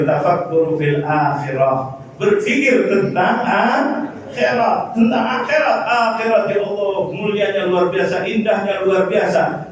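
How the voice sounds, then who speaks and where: A man preaching a Ramadan sermon, firing rhetorical questions at the crowd and sliding into a drawn-out, chanted prayer cadence. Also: high-pitched, a little hiss or hum. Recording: echoey lo-fi sound from far off.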